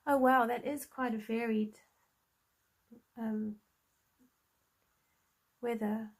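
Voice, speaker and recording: A South African woman in her thirties hosts a coloring channel, chatting casually on a live stream as she colors. Her voice is a little high and steady, with drawn-out words and a South African accent. She is friendly and chatty, thinking aloud with lots of ums.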